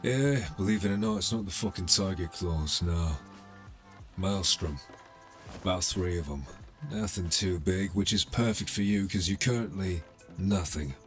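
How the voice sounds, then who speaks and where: In a cyberpunk ASMR roleplay, a man voices a cocky, sardonic criminal middleman, talking low and at a measured pace. His manner is casual, businesslike and streetwise, teasing throughout, over faint background music.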